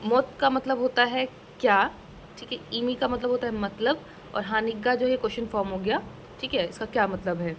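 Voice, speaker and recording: A woman teaching a casual language lesson, slowly explaining each phrase and repeating it twice, mixing English words into her talk. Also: fairly high pitch, a little hiss or hum, rough recording. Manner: mixes English words into Hindi.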